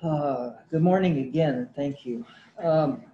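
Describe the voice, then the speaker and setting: A man's voice: a little high, measured pace, muffled recording. A man, a county conservation director, presenting a project at a public board meeting, hesitant with many fillers and restarts. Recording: roomy meeting-room audio, faint hum.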